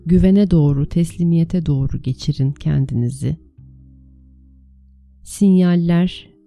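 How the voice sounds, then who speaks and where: A woman with a very dark, soft-edged voice and a creaky grain leads a guided meditation. She gives gentle, soothing instructions in short, unhurried phrases, with music playing behind her. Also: low-pitched. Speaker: meditation teacher leading a guided meditation.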